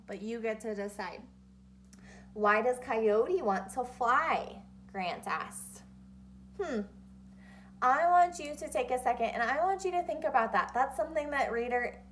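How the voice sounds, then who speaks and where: Taking the role of an elementary school teacher, a woman guides young kids through an interactive read-aloud, slow and instructive, returning again and again to key phrases and questions. She sounds a little high, with a faint hiss or hum underneath.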